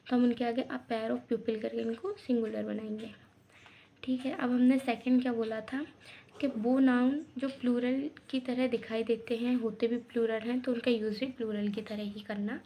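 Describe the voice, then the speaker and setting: Mellow-voiced woman teaching grammar step by step. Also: a little high, a little hiss or hum. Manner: explains step by step with frequent checks. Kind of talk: English grammar lesson.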